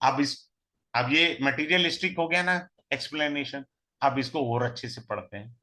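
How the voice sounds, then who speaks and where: A man's voice: mid-range voice, moderate pace, bright, forceful tone. A man teaching astrology in a recorded lesson, mixing in English terms and asking the class questions that he answers himself. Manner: mixes in English terms and repeats key phrases. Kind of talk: recorded online lesson, explaining step by step.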